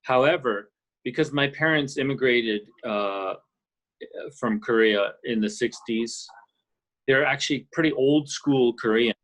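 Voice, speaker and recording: A man's voice: mid-range voice, a little slow, fairly bright tone. A middle-aged man from Canada, chatting as an interview guest over a video call and talking thoughtfully, with many fillers and restarts. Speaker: guest, orchestral percussionist. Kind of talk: casual interview chat. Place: ski and golf resort, indoors.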